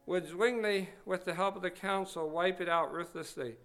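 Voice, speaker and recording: A man reading a story aloud to a congregation in a measured, earnest way. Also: sits high, vocal fry, fairly bright tone.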